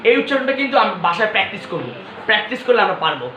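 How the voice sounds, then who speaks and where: A man's voice: sits high, very animated, rapid-fire, sharp tone, slight background noise. A man teaches English pronunciation to pupils in a classroom. He drills them in call-and-response and repeats each word after them. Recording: echoey room, dull lo-fi sound.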